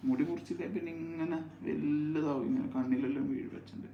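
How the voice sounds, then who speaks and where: A father talking softly with his young child at home, coaxing and soothing with repeated gentle questions. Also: on the high side, fairly even intonation, fairly quick, vocal fry, lo-fi sound, slight background noise. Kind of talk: casual home video chat with his child. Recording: roomy echo.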